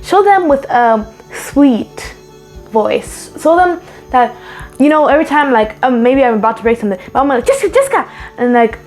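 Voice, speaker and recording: A woman's voice: on the high side, normal speed, darkish tone, faint music behind. A woman hosting a casual vlog with parenting tips, chatty, restarting sentences and acting out little quoted exchanges. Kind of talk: casual advice talk to camera.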